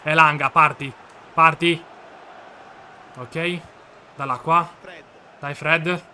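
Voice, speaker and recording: High, bright-voiced excitable gamer man. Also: extremely slow, a little hiss or hum. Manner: excitable, shouts and repeats himself in disbelief. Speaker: gaming video creator. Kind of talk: excited live gameplay commentary.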